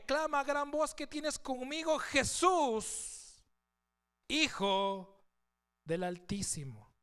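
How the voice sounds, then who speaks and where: A man's voice: high-pitched, a bit bright, clean tone. A man preaching a sermon in a church, asking the congregation questions and reading scripture aloud. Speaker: pastor.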